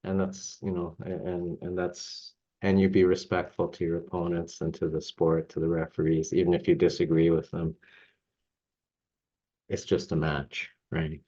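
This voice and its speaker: Middle-aged man, from Canada, very deep voice, chuckling storyteller, muffled lo-fi sound. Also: flat delivery, normal speed, mellow. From Toronto, Canada. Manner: chuckles often, loose rambling with many fillers. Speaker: judo coach and guest. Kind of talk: casual interview storytelling. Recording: slightly dull lo-fi recording.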